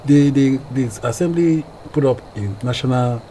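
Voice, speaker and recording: A man's voice: mid-range voice, moderate pace, mellow, slight background noise, low-quality recording. A man speaking as a studio guest and researcher on a radio talk show, in an emphatic way with repeats for stress.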